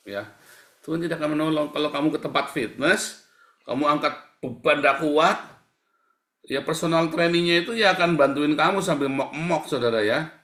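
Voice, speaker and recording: A male pastor delivering a sermon, swinging from loud acted-out cries to soft, quiet asides. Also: on the high side. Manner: animated preaching, swings between loud and soft, acts out cries. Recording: echoey church hall.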